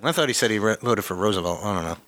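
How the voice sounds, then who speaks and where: Offhand, hesitant man with lively pitch. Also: rapid-fire. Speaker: podcast participant. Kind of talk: casual chat.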